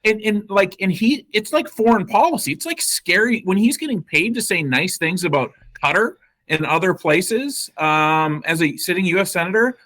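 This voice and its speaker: Male co-host, casual politics talk, slightly higher voice, easy questioning manner. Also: animated, normal speed, hardly any pauses, pushed and bright. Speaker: podcast co-host.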